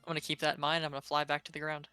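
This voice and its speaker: A man playing a tabletop game, talking casually and eagerly and thinking aloud with quick restarts. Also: fairly high pitch, monotone, pushed and bright, clear, resonant tone, no echo, faint music behind. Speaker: player.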